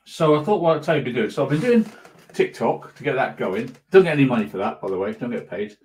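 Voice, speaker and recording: A man's voice: medium pitch, expressive, fast talker, a little mellow. A man talking casually to his followers on a livestream in a rambling, pleased-with-himself way.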